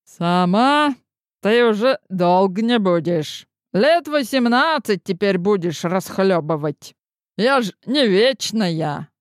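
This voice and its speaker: A woman voicing a sharp-tongued, bossy old grandmother in an audiobook, speaking slowly and mockingly. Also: medium pitch, animated, no room sound, studio quality. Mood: scolding. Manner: gruff, mocking, slow and deliberate. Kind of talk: audiobook character voice.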